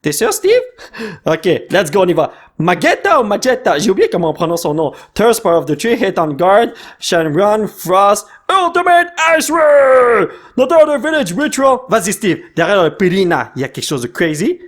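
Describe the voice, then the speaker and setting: A man doing casual unboxing commentary, excitably reading card names and mixing in English slang. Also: high-pitched, moderate pace. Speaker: YouTuber opening card packs.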